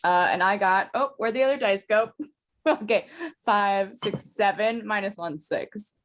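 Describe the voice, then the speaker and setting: A woman playing in a tabletop game, chatting in a giggly, unhurried way as she tallies her dice. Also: medium pitch, a bit bright. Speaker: player. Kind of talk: casual play banter.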